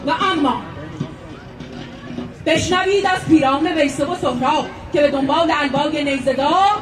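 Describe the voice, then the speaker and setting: Declamatory woman epic teahouse storyteller, high-pitched. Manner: declamatory, drawn-out emphatic phrasing, often shouting. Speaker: epic storyteller (naqqal) performing on stage. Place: event hall at a theatre celebration, distant mic. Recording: roomy, distant live stage recording with music, crowd.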